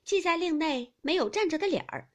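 A woman's voice: extremely high pitch, expressive, brisk, a bit bright, pitched above the performer's own voice. A woman voicing a cheerful, reassuring middle-aged noble mistress, speaking in an eager way. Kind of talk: audiobook character reading.

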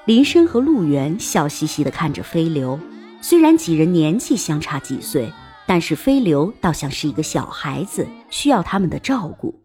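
Expressive woman narrating an audiobook. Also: low-pitched, moderate pace, faint music behind. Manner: expressive, storytelling.

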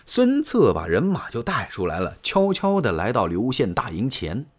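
Lively male storyteller, dramatic, colloquial, wide-ranging pitch. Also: normal speed, husky. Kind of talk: traditional pingshu storytelling.

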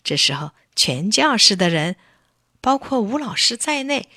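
A woman narrating a children's story with an expressive, animated reading. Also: on the high side, unhurried, dry recording, clean studio sound.

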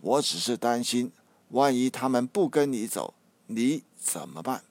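A man voicing an ailing old male leader who speaks in a hushed, anxious and slow way. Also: mid-range voice, lively intonation, no room sound, close to an everyday voice. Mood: worried.

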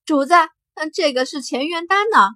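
A woman voicing an eager, loyal little spirit-beast companion who talks in a chatty, excited way in an audiobook. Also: a little high, normal speed, slightly rough, dry recording.

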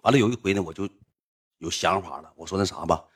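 A man's voice: deep voice, quick pace, slightly rough. A young man with a Northeastern Chinese accent telling a rambling, slangy story to his stream audience from home. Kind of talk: casual storytelling livestream.

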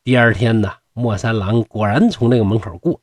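A man's voice: fairly low pitch, a little fast, no room sound, clean studio sound. A man narrating a classic folk tale in a chatty colloquial style, with asides to the listener. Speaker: storyteller.

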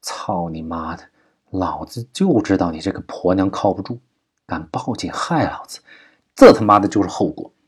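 A man's voice: low voice, lively intonation, moderate pace, husky, exaggerated voice. A man voicing a snarling kidnapper thug. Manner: snarling, crude threats. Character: vicious male kidnapper thug, threatening.

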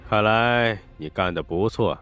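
A man voicing an older gambling-house boss in an audiobook, gruff, slow and domineering. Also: lowish voice, a bit bright, soft background music, voice pushed down. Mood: gruff amused. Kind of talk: audiobook character voice.

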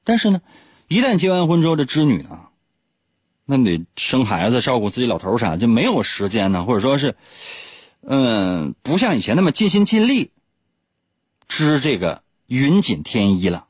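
A man's voice: medium pitch, very animated, moderate pace, slightly rough, dry recording. A man, a radio host telling a legend in a teasing, joking way, chuckling often. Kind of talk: joking storytelling. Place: radio studio.

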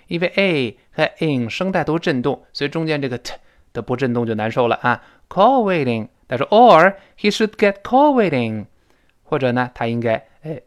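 A man teaching spoken English. He explains pronunciation and repeats words slowly, drawn out to demonstrate, with frequent jumps in pitch for emphasis. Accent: Mandarin Chinese.

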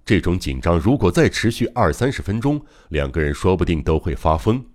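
A man's voice: low voice, big pitch swings, brisk, darkish tone. A man narrating a mystery novel as an audiobook, in a dramatic, suspenseful reading. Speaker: audiobook reader.

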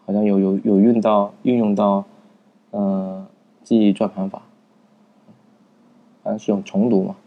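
A man talking through a book's reading method in a casual, unscripted way, pausing often with fillers and restarting his sentences. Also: on the low side, little pitch movement, lo-fi sound. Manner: thinking aloud with many fillers and restarts. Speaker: book review narrator. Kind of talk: casual spoken book summary.

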